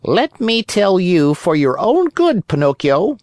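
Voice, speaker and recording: Narrator doing a preachy old storybook cricket, high and calm, slow. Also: dry recording, clean studio sound. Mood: calm lecturing. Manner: calm, lecturing.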